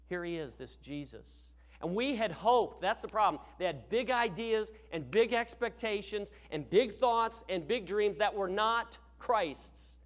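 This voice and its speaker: A man preaching a sermon as pastor in a church, emphatic and asking rhetorical questions. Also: high voice.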